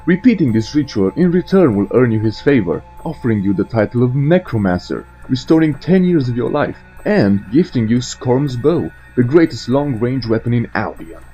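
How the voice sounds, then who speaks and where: A man narrates video game lore with a very lively, swinging intonation and irreverent asides. His voice is mellow and somewhat muffled, with faint music behind it. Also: medium pitch, moderate pace, hardly any pauses. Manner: irreverent, storytelling. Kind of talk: scripted narration with joking asides.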